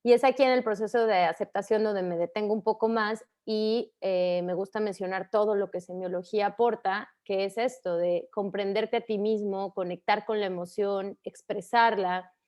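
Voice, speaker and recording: A woman in her thirties with a Mexican Spanish accent, a counselor gently giving advice on grief and repeating phrases for emphasis. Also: mid-range voice, fairly even intonation, normal speed, hardly any pauses. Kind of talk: warm explanatory advice talk.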